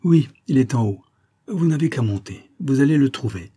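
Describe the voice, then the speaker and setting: A man's voice: medium pitch, expressive, moderate pace, warm tone, husky, pitched above the performer's own voice. A man doing a polite woman concierge. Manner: polite, matter-of-fact.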